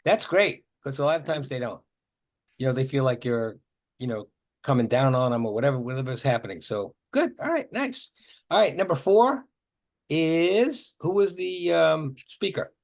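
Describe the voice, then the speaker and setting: A man's voice: a little high, very animated, normal speed, vocal fry. A man running a workshop on workplace communication, coaching participants in a conversational way and acting out short example exchanges. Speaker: workshop trainer. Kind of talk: leading a communication training session.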